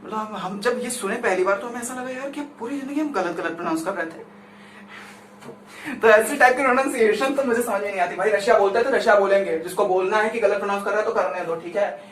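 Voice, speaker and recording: Talking fast in a high-pitched, fairly bright voice, a man from India teaches a class in a conversational lecture, frequently checking in with his audience. Faint noise and roomy echo come through the distant mic.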